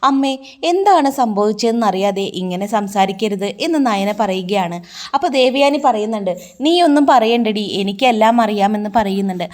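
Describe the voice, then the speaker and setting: A woman's voice: medium pitch, darkish tone. A woman narrating a TV serial episode recap in a casual spoken way, reading each character's lines with light emphasis. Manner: retells scenes in a plain running account, reading each quoted line with light emphasis.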